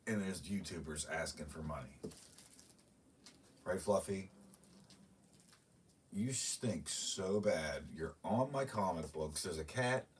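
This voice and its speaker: Middle-aged male streamer, lowish voice, ranting chat, slightly distant mic with faint room noise. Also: lively intonation, slow, long pauses. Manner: ranting, talks to his cats. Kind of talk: rambling live-stream chat.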